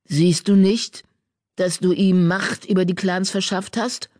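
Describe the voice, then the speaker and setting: A man's voice: sits high, steady tone, measured pace, darkish tone, dry recording, clean studio sound. A man voicing an earnest tomcat leader. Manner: earnest, urging. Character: earnest male cat clan founder.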